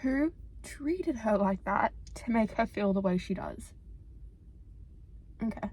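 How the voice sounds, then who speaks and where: The recording is low quality, carrying a woman's slow, animated, medium-pitched voice with a darkish tone. About 19 and nearly 20, she vlogs a casual confessional chat to camera, dramatic, rambling and self-deprecating.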